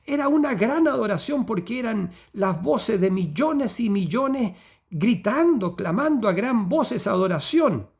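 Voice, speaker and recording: Male preacher, high voice, explains slowly, keeps asking the room if they follow. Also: animated, gravelly, darkish tone. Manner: teaching tone with frequent "¿ya?" and "¿cierto?" checks; fillers and repeated phrases while building a point. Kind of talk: sermon.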